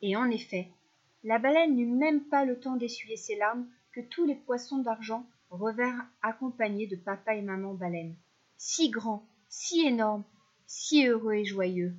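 A woman reads a children's story in a gentle, expressive way. Her voice sits slightly high. The recording is dull and lo-fi. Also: measured pace.

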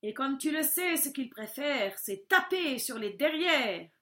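A woman voicing a scheming, bossy old witch in a storybook, with a cackling, drawn-out delivery. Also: high-pitched, animated, sharp tone, voice pushed up, heavily acted. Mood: scolding.

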